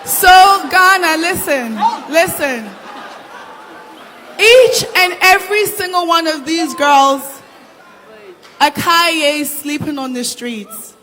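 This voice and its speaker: A woman addressing an audience with an emphatic, drawn-out appeal. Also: high voice, a bit bright, in a large hall, a little hiss or hum, poor audio.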